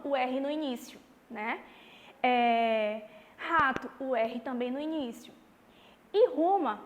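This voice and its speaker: A woman teaching a class of young schoolchildren, explaining patiently and slowly, often checking in with the listener. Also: high-pitched. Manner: patient, slow and explanatory, with frequent "tá bom?" check-ins. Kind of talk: recorded remote class lesson. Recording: long reverb, faint background noise.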